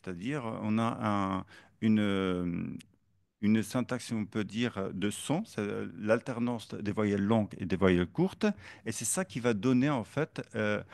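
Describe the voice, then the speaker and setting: A man's voice: lowish voice, darkish tone, no room sound. A man giving an academic seminar lecture, hesitant with many fillers and restarts, now and then reciting Arabic verse and metrical feet. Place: seminar room.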